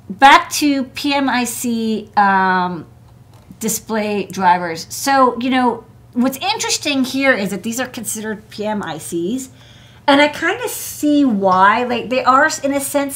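In a casual technical walkthrough, a woman in her thirties with a mid-range, fairly bright voice presents parts on her desk show. She's an electronics engineer seated at her workshop desk, chatting informally with frequent fillers and restarts.

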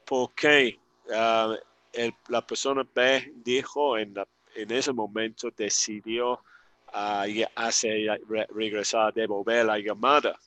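Slow, patient male language teacher. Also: lowish voice, flat delivery, fairly bright tone, dry recording. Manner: patient, explanatory, slow and careful delivery. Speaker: English teacher. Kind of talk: online language lesson.

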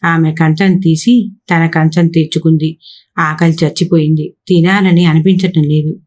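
A woman narrating a story with a slightly lower voice. Her telling is steady and even, reading each scene out in order. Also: unhurried.

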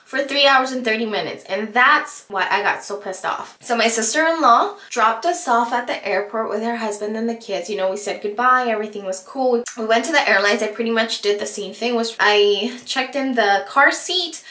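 A chatty young woman from California tells a story to her viewers while doing her makeup, full of filler words and asides. Her voice sits a little high, and the room gives it a noticeable echo. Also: moderate pace, hardly any pauses, sharp tone. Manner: chatty, filler-heavy, addresses viewers directly. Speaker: beauty vlogger. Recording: roomy echo.

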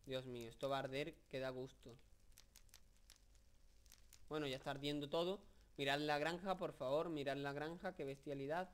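A young man from Spain with a fairly high, smooth, clear voice talks over his video game. He rambles and jokes, keeps stopping to fill the gaps, and gets worked up over what he sees on screen. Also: normal speed, long pauses. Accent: Spain Spanish. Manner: joking, rambling, excitable with many fillers. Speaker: gameplay commentator. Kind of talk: casual video game commentary.

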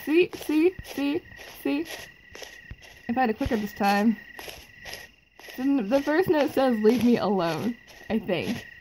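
A woman with a slightly high voice rambles excitedly as she plays a scary game, giggling often. Her commentary is casual and loose. A steady wash of background noise hangs under her. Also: takes it slowly, long pauses, low-quality recording. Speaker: mobile game player.

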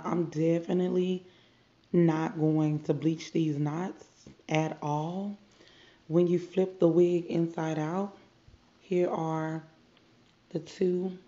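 Her voice is deep and warm, though her nose is stuffy from a cold. A beauty vlogger, she chats with viewers as she unboxes products, calling them "you guys." The indoor room makes the recording muffled and echoey.

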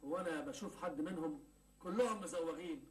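A man's voice: fairly high pitch, fairly quick, close to an everyday voice. A young actor with an Egyptian accent playing a broke, lovesick young man who grumbles and pities himself in a TV sitcom. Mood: sulky. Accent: Egyptian Arabic. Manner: grumbling, self-pitying. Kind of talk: 1980s Egyptian TV sitcom acting.

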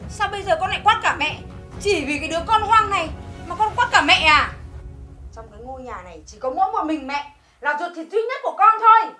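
An actress as a bossy grandmother, high voice, quick scolding delivery, drama series. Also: natural voice. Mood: indignant. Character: harsh scolding grandmother, older woman. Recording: roomy, distant mic, music behind.

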